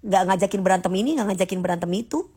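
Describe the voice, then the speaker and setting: A woman's voice: mid-range voice, expressive, very fast, warm tone, husky. A woman, ranting casually and mockingly to viewers on a livestream. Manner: sassy, combative, mocking. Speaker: livestream host.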